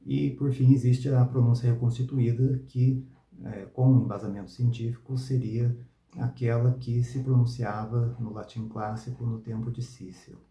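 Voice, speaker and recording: A man teaching Latin pronunciation, explaining calmly and repeating each example word three times. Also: medium pitch, moderate pace, echoey room, poor audio. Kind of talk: spoken lesson with repeated example words.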